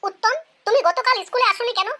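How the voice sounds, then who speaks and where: In an animated comedy skit, a performer plays a strict, bossy female schoolteacher scolding and questioning pupils. The voice is very high-pitched, fast, and heavily acted, with a questioning mood.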